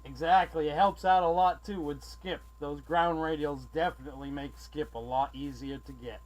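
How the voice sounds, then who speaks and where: With a slightly high voice, steady tone, and moderate pace, a South Carolina man chats on CB radio skip in a friendly way, loaded with call numbers and jargon. The sound is muffled and band-limited, typical of a CB recording.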